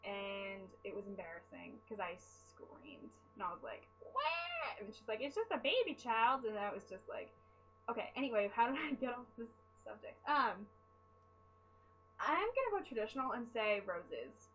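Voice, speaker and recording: A woman's voice: mid-range voice, expressive, moderate pace, a bit bright, lo-fi sound, a little hiss or hum. A young woman chatting casually to camera while answering fan questions, rambling and self-deprecating, tired from lack of sleep. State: sleep-deprived. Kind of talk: casual chat.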